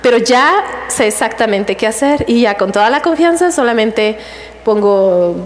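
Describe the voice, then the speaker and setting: A woman's voice: on the high side, animated, moderate pace, slight background noise. A middle-aged woman giving a casual devotional talk about a personal story, laughing often as she tells it.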